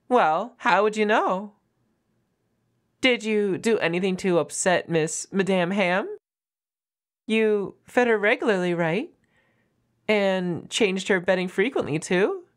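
A medium-pitched woman voices a half-wolf girl roommate in an audio roleplay, sounding nervous and evasive. The young character is defensive and flustered, with a whiny manner and a stammer.

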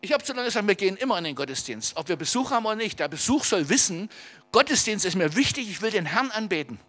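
Male pastor, sermon, high and bright, emphatic and direct with the congregation. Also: fast talker. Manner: lively, emphatic preaching that often turns to the audience with direct questions. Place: church service in a meeting centre.

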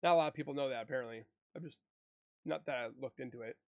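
A man's voice: mid-range voice, very fast, phone-quality sound, background noise. A man in his thirties giving casual reaction commentary with joking asides, close to the mic in a home studio. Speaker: reaction video host. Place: small home studio indoors. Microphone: desk mic close up, with headphones.

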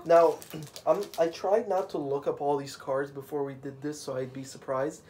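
A man's voice: fairly high pitch, fairly even intonation, moderate pace, darkish tone, a little hiss or hum. A man hosting a casual card-unboxing chat at home on a couch, rambling and joking, with many fillers. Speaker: channel host.

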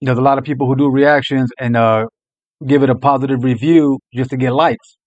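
A man's voice: mid-range voice, steady tone, fairly quick, dry recording, dull audio. Young male reaction host, opinionated and profane, casual delivery, very little room sound. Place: small room indoors.

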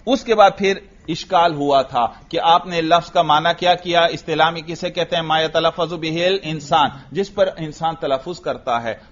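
A man's voice: fairly high pitch, muffled recording. A male teacher with a Pakistani Urdu accent, giving a classroom grammar lecture, explaining patiently and asking his class questions that he then answers himself.

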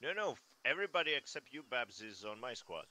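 A man's voice: mid-range voice, very animated, fast, pushed and bright. A man making dry remarks and swearing a little while playing a co-op military game. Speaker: player. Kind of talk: casual game chat.

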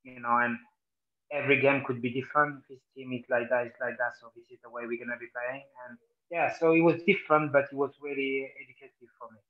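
Flat-voiced former footballer from Senegal. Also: male voice, medium pitch, quick pace, muffled recording. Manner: animated when quoting, repeats "literally" and "you know". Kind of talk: casual interview chat.

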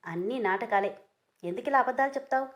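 Woman doing a snippy headstrong young woman, bright high voice, storybook reading. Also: fast, natural voice. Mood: annoyed. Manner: snappy, irritated retorts. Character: young woman, sharp-tongued and stubborn.

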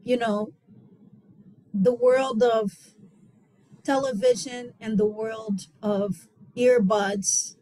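A woman from Africa, a guest author, speaking in a halting way while she searches for words. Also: fairly high pitch, steady tone, dark tone, rough recording. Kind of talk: casual chat.

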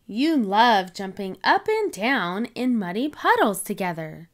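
Kind storybook mother pig, read by a woman, gentle and lively in tone. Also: mid-range voice, unhurried. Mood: fond. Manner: gentle, explaining.

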